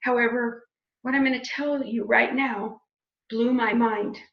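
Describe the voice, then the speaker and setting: A woman's voice: a little high, a little slow, gravelly. A woman in her fifties telling a personal story on a business call, acting out the dialogue as she goes. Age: 50s. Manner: lively storyteller, acts out quoted dialogue. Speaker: speaker on a business opportunity call. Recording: echoey room, dull lo-fi sound.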